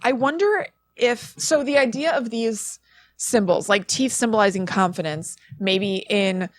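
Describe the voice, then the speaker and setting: A woman co-hosting a podcast presents research, explaining it in a casual, musing way full of filler words. Her voice is fairly high and measured in pace, with no echo.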